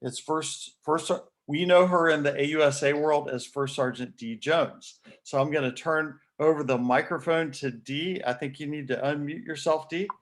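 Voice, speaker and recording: A man's voice: fairly high pitch, fairly even intonation, normal speed, few pauses. Polite male conference moderator. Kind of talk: formal introductions.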